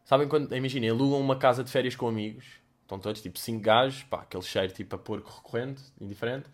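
A man's voice: mid-range voice, fairly even intonation, rapid-fire. A young man, a host answering listener questions in a casual, slangy, sweary monologue, acting out little mock dialogues.

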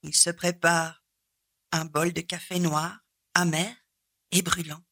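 Woman storyteller, slow and husky, dry close sound; expressive tale-telling with dramatic pauses. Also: on the low side, dry recording. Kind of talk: storytelling performance of a folk tale.

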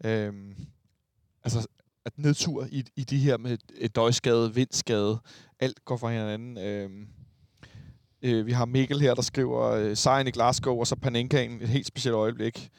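A man's voice: medium pitch, fairly even intonation, darkish tone, no room sound, studio quality. A Danish man hosting a podcast, hesitant with many fillers, reading out listener messages. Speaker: podcast host.

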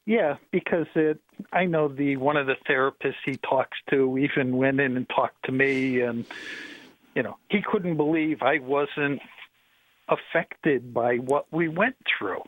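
A man calling in to a radio talk show over the phone, speaking haltingly and searching for his words. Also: medium pitch, dry recording. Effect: heard over the phone. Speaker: caller. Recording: tinny phone line.

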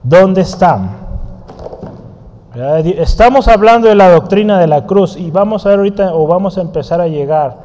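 A man's voice: high voice, fast, few pauses, mellow, long reverb tail. A man teaching a Bible study lesson in a conversational way, often asking his listeners questions and writing on a board. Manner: writes on a board while teaching.

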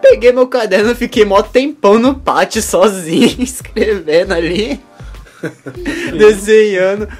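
A man in casual chat, relaxed, chuckling as he tells a school memory. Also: high-pitched, unhurried, faint music behind.

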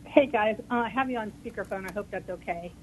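A woman's voice: medium pitch, fast talker, a little hiss or hum. A chatty, eager woman calling in to a radio show on a speakerphone. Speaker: caller. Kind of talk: call-in radio chat. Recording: caller on a speakerphone over a phone line.

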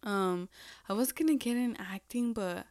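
A young woman in her twenties chats on her own podcast, rambling and self-deprecating with lots of "like" and "um". Her voice is smooth and clear. The sound is dry and close, with no room around it. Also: medium pitch, normal speed, a little mellow, no echo. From United States. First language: Spanish. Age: 20s. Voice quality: chatty and self-deprecating, heavy use of "like" and "um". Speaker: podcast host. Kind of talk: casual solo podcast chat.

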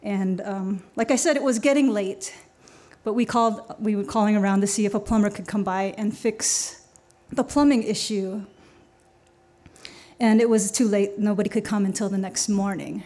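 A woman's voice: mid-range voice, fairly even intonation, normal speed, dark tone. Storyteller: adult woman, casual and chatty, stage anecdote, fillers and dry chuckles. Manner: chatty, with fillers and wry laughs. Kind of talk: live personal storytelling.

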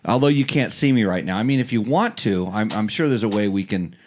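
A man's voice: lowish voice, expressive, fairly quick. Teasing, rambling man ribbing his co-host. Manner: teasing, rambling, stammers and repeats words. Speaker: regular host acting as producer. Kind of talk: casual comedic chat show.

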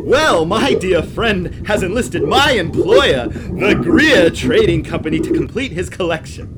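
A man's voice: high voice, sing-song, measured pace, heavy background noise. An actor playing a slick, gleefully sinister traveling salesman in an audio western, with pompous, showy patter. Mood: gloating. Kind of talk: audio western comedy drama acting.

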